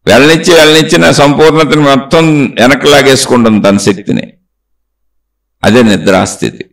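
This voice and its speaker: A male spiritual teacher speaks in a mid-range voice, neither high nor low. He builds his discourse from long rhythmic chains of repeated phrases. He keeps turning to the listener with rhetorical questions. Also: a little fast, gravelly, fairly bright tone, rough recording.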